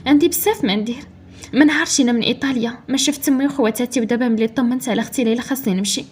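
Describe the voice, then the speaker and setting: A woman with a Moroccan accent voicing a kind friend, speaking gently and reassuringly. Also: a little high, rapid-fire, a little hiss or hum, close to an everyday voice. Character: kind supportive friend of the mother.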